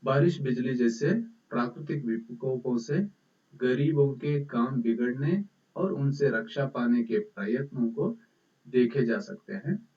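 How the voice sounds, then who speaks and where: A man lecturing slowly in a recorded university lesson, repeating points and asking himself questions. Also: medium pitch, far from the mic, highs cut off. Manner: slow explaining, repeats and quizzes himself.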